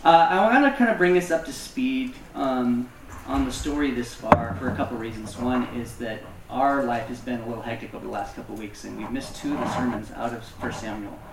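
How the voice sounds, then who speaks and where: A man's voice: mid-range voice, fairly quick, gravelly. Pastor guy chatting through a sermon, jokes about himself, roomy echo, faint noise. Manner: conversational, self-deprecating, with fillers. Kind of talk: casual sermon. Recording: echoey room, distant mic.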